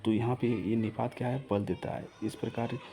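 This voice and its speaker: A man teaching a grammar lesson, asking questions and answering them himself and slowly repeating lists of example words. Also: mid-range voice, fairly even intonation, dark tone, a little hiss or hum. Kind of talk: classroom-style grammar lesson.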